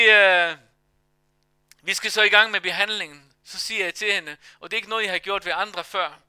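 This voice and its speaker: Male pastor testimony, high bright crisp voice, dry close sound. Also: no echo. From Denmark. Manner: emotional storytelling with hesitations. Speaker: pastor and massage therapist. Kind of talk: sermon testimony.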